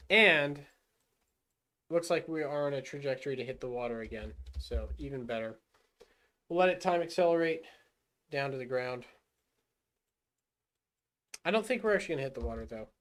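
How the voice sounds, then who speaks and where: In a fairly bright, medium-pitched voice, a gaming livestreamer gives casual commentary on a rocket game. He reasons aloud through each move, muttering to himself with fillers and restarts.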